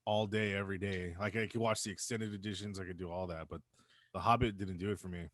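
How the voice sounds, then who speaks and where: A man's voice: deep voice, fairly even intonation, quick pace, a bit bright. A man co-hosting a casual podcast from home, laid-back, swearing and laughing often. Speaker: podcast co-host. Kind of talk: casual chat. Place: California home.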